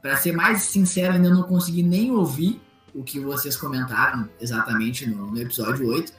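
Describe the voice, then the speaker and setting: A man's voice: mid-range voice, fairly quick, fairly bright tone, soft background music. Blunt man, roomy sound. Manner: blunt, sarcastic, swears. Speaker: podcast co-host. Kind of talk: casual sports chat. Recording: roomy echo.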